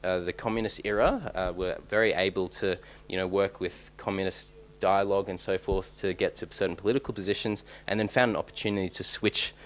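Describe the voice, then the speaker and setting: A man's voice: low-pitched, steady tone, a little fast, hardly any pauses. A young Australian man giving an academic conference talk, hesitant, with many ums and restarts. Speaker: conference speaker.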